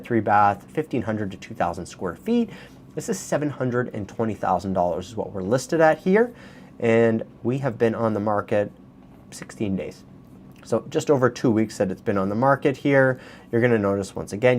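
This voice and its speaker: A man's voice: on the low side, a little hiss or hum. A man with a Canadian accent giving a casual, chatty walkthrough of property listings, talking straight to his viewers. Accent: Canadian English. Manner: chatty, conversational, addresses viewers directly. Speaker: real estate video host.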